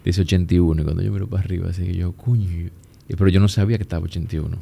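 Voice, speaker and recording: A man with a Dominican accent, chatting as a guest and telling stories in a relaxed, easygoing way. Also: low voice, very fast, creaky, slightly rough. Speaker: guest, plastic surgeon. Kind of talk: casual conversation.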